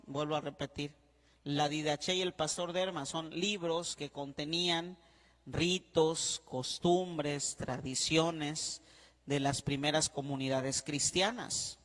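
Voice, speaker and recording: A priest lectures at a slow, deliberate pace, often repeating himself and checking in with the class. His voice sits high and bright. A long reverb hangs behind him, as if he were speaking in a large hall. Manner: spells words out letter by letter. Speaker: priest teaching a diploma class.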